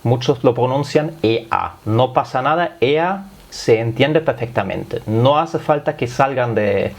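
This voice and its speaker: A man's voice: mid-range voice, expressive, a little slow, gravelly. A man whose first language is German, speaking Spanish with a slight German accent, patiently teaching a language lesson step by step. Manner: patient, step-by-step explaining with frequent "es decir". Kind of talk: explanatory lesson.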